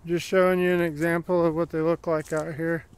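A plainspoken man chats as he walks a wooded trail, filming on a handheld phone. His voice sits a bit high and stays level, with a clear, smooth tone. He rambles casually from one thought to the next. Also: flat delivery, fairly quick. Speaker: vlogger. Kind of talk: casual walking commentary. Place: wooded dirt trail outdoors. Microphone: handheld phone camera while walking.

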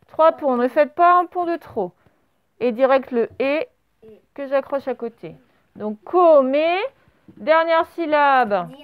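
In a slightly dull, lo-fi recording with no room sound, a primary school teacher with a high voice runs a dictation lesson for young pupils. She pronounces each word slowly and clearly before spelling it out syllable by syllable.

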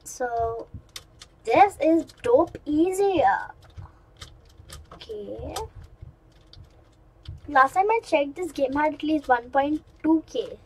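A high-pitched woman narrates her game run as she plays. She is chatty and excitable and keeps wandering into asides to her viewers. A soft patter of keyboard typing sits faintly behind her. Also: takes it slowly, pauses often, slight background noise, rough recording. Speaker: gaming channel host. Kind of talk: let's-play commentary.

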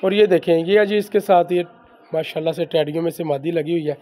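A man from Pakistan who breeds and sells pigeons, talking loudly and emphatically as he shows birds to his viewers, repeating the same stock phrases. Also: fairly high pitch, brisk. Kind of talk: casual handheld show-and-tell. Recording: faint background noise with pigeons.

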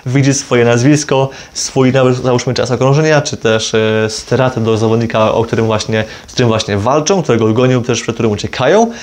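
With hardly any pauses, this motorsport video creator in his 20s talks fairly quickly in a darkish, mid-range voice. He gives an informal explainer to camera, correcting and rephrasing himself, in a small plain room, using a lavalier on his jacket.

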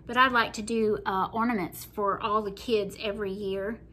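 Her mid-range voice sounds pushed and bright, with a steady tone at normal speed. She's a middle-aged woman with a Southern US accent, hosting a painting tutorial from her kitchen table indoors and talking in a chatty, folksy manner as she works.

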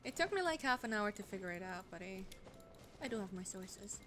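A woman's voice: medium pitch, lively intonation, a little fast, music in the background. A young woman streaming a game, chatting casually with lots of fillers and blunt swearing. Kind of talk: casual chat while gaming. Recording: noisy home stream mic.

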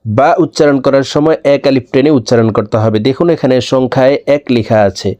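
Brisk and mellow, this medium-pitched man teaches Quran recitation slowly and step by step. Each Arabic letter gets said twice before he spells it out and explains it.

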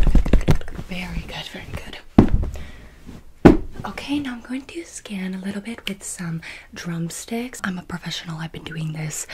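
A young adult woman in a whispered role-play as a massage therapist, giving fast, repetitive ASMR patter and short instructions. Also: lowish voice. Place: bedroom, indoors.

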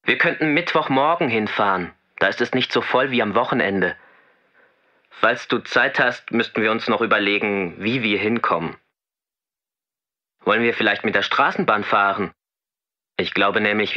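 A man's voice: lowish voice, normal speed, pushed and bright, lo-fi sound. A man leaving a friendly, casual message on an answering machine in a scripted listening recording. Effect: message left on an answering machine.

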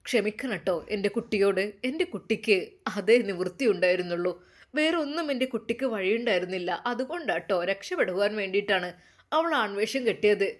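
A woman's voice: medium pitch, lightly acted. A woman voicing a kindly, motherly older woman who speaks tenderly and comforts a girl.

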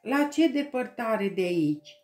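A woman's voice: on the high side, very animated, darkish tone, reverberant, faint music behind. A woman voicing a male army officer who gives urgent orders in an audiobook. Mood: questioning. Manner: urgent, commanding.

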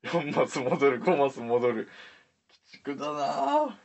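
A man's voice: medium pitch, moderate pace, breathy edge. A male co-host on a game livestream, polite and easygoing, laughing along and keeping the segment moving. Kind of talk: casual livestream banter.

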